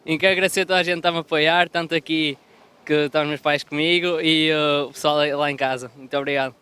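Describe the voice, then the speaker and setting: A man's voice: on the high side, fairly even intonation, very fast, pushed and bright, clear, resonant tone. A young man with a European Portuguese accent, an athlete answering questions in an outdoor post-heat interview. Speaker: competitive bodyboarder being interviewed. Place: outdoors at a surf contest.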